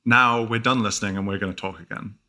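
A man co-hosting a podcast in a relaxed, joking chat, his delivery dry and deadpan. His voice is strikingly bright and sits a little low. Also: fast. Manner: deadpan, dry repetitive jokes. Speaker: podcast co-host. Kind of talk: casual comedic chat.

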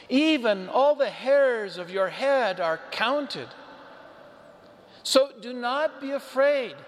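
A priest proclaiming the gospel in a slow, solemn, measured liturgical reading, with a cathedral echo around his voice. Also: very high voice. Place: large church. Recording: long church hall reverb.

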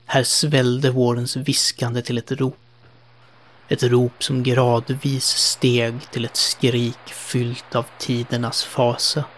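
A man solemnly narrating a horror story in the first person, with a measured delivery. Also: mid-range voice, flat delivery, fairly bright tone, a little hiss or hum.

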